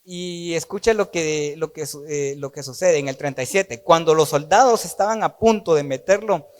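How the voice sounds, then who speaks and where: A man preaching a sermon, lively and conversational, acting out the dialogue of the story with playful asides. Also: a little high, normal speed, in a large hall. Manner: animated, acts out dialogue with jokey asides.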